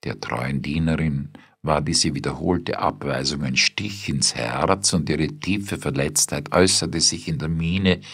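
Man, audiobook reader, literary narration, very deep, gravelly, measured. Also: fairly bright tone.

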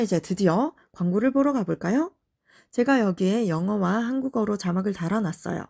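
A woman narrates an English lesson, explaining phrases in a friendly, patient way. Her voice sits mid-pitch with a gravelly edge. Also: warm tone. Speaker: English teacher.

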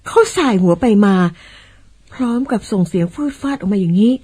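An actress playing an excitable mother who exclaims and describes what she sees, in old-style radio drama acting. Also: mid-range voice, fairly quick, slightly rough, natural voice. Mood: exclaiming. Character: excitable mother, easily startled.

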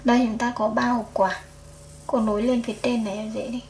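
A woman teacher leading a first-grade math lesson, counting aloud slowly and patiently for young children. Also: a little high, flat delivery, a little mellow, a little hiss or hum. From Vietnam.

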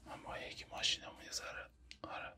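Whispering gently and politely, a young Persian-accented man plays a barber for ASMR, speaking close-up to the listener as though to a client. He records in a small, dim indoor room.

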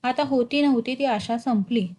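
A woman's voice: sits high, normal speed, dark tone. A woman reading a short story aloud, narrating expressively and putting village dialect into the telling.

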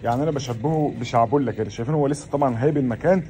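A young man with an Egyptian Arabic accent, talking to his viewers in a chatty, excitable vlog while outdoors on a rooftop. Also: medium pitch, racing, slight background noise. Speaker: vlogger. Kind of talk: casual vlog narration to viewers.

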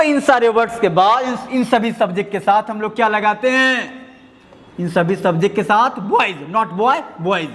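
A man's voice: high voice, a bit bright, big-room sound. A male teacher with an Indian accent giving a grammar lecture, repeating points and speaking fondly to his students. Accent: Indian English. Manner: repetitive, addresses students fondly, drawn-out English phrases. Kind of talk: classroom lecture.

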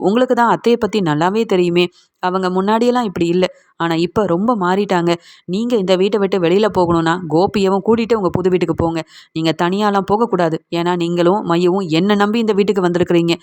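A woman's voice: mid-range voice, fairly even intonation, fast, darkish tone, lightly acted. A woman voicing a defiant middle-aged daughter-in-law who firmly scolds her mother-in-law while retelling a TV serial scene. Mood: reproachful. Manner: firm, reproachful, lecturing.

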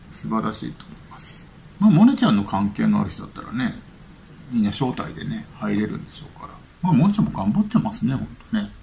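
A man's voice: medium pitch, gravelly, a little mellow, slight background noise. A man hosting a casual vlog from home, chatting loosely while eating and reading news items aloud with his own remarks. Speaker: channel host.

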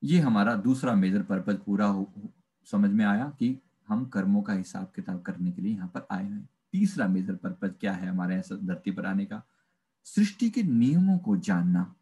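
A man, a life coach, giving a spiritual motivational talk and acting out little dialogues as he goes. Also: lowish voice. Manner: animated, acts out dialogue, mixes in English phrases.

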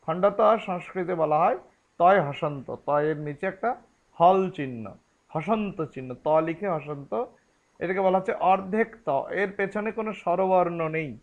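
Slow, high-voiced Bengali man teaching scripture. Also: narrow, tinny audio. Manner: slow, deliberate, chants Sanskrit verses then explains them. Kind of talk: scripture lecture.

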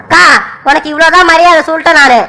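A woman's voice: very high-pitched, steady tone, fast, sharp tone, slight background noise, exaggerated voice. A woman voicing a brash, idle young village man who argues and whines as he demands to be let into the house. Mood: defiant. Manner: whiny, demanding, argumentative. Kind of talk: cartoon voice acting.

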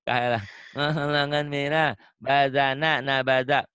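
A man with a Sundanese accent teaching a Quran reading lesson over a video call, patiently modeling syllables slowly for the student to repeat, with light teasing. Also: medium pitch, steady tone, fairly bright tone, clear, resonant tone, no echo, muffled recording. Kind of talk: online one-on-one reading lesson.

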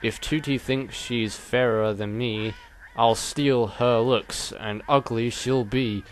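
A man's voice: medium pitch, fairly even intonation, slow pace, slight background noise, natural voice, poor audio. A man reading aloud the lines of a vain, cruel female witch from a game, in sing-song rhymes. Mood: gloating. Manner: sing-song rhyming taunts.

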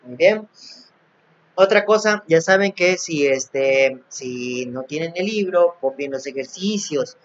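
A man's voice: fairly high pitch, expressive, slow pace. A male teacher recording a class for young pupils, repeating and translating each English phrase. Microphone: recording app, device not seen. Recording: dull lo-fi app recording.

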